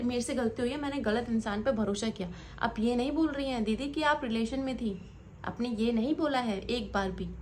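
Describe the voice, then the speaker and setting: Young woman vlogger, high voice, rambling and reproachful commentary. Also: slight background noise. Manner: earnest, scolding, rambling. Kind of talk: direct-to-camera commentary vlog.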